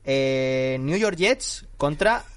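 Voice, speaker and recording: Man, podcast host, lively up-and-down pitch, brisk casual chat, faint background noise. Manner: brisk, runs the segment, swears casually.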